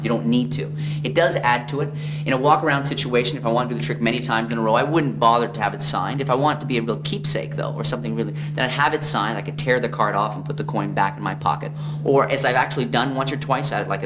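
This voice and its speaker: A man with a mid-range voice delivers card magician patter. He teaches a trick conversationally, talking through each move as he shows it and often breaking off phrases. The recording has clear background noise with a hum. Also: medium pitch. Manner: conversational, demonstrating as he talks, broken-off phrases. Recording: clearly noisy, humming background.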